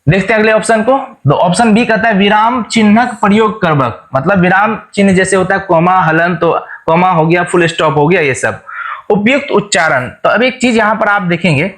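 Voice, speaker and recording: A man's voice: high voice, normal speed, fairly bright tone. A man teaching an exam-prep lesson, who explains each question and then restates it in plain words, often checking back with his viewers.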